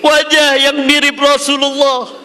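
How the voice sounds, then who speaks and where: A man's voice: very high-pitched, completely flat delivery, a little slow, pushed and bright. A male preacher telling a mourning story in a fervent, emotional sermon. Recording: echoey hall reverb.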